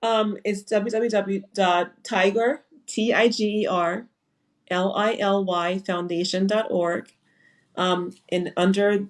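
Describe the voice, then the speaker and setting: A woman from Liberia, speaking as a panel guest on a video call in an earnest, reflective way with frequent fillers. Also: medium pitch. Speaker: foundation founder and panel guest. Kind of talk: casual panel talk on a live webinar.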